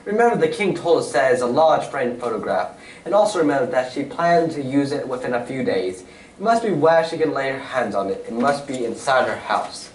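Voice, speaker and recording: A man playing Sherlock Holmes as a shrewd, commanding Victorian gentleman detective, speaking precisely and theatrically in a radio-style stage play. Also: medium pitch, sing-song, fairly quick, close to an everyday voice. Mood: confident. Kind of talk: old-time radio drama acting on stage. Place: community playhouse stage. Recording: roomy, distant stage recording, faint noise.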